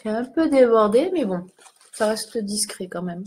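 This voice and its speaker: A woman's voice: mid-range voice, expressive, normal speed, darkish tone, slight background noise. A young woman chatting casually while doing a makeup tutorial, self-mocking and talking to her viewers as she applies lipstick. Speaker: beauty vlogger.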